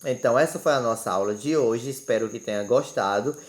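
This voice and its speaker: A man's voice: medium pitch, a little fast. A man teaching a remote lesson, listing words in a didactic way and checking in with the class after each point. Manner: didactic, ends phrases with "certo?". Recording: roomy echo.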